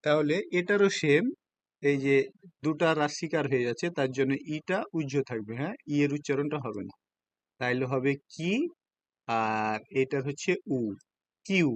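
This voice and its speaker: A man's voice: on the high side, normal speed, no echo. A man teaching a Japanese lesson in Bengali with a Bangladeshi accent, patiently explaining each step and often asking students whether they understand. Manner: patient, checks understanding with frequent questions. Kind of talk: classroom lesson explaining hiragana.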